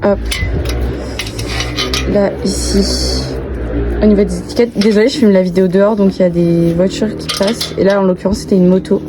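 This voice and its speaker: A young woman talks to her viewers like a bubbly, excitable friend, gushing and using casual slang. Her voice sits at an average pitch. She records outdoors, with clear traffic noise around her. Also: moderate pace, pauses often. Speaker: vlogger. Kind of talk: casual chat to camera. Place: outdoors near passing cars.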